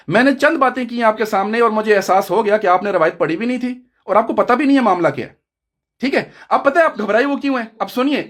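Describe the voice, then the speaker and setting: A man's voice: very high-pitched, a bit bright. A man in a heated online debate, combative and lecturing, often talking over his opponent.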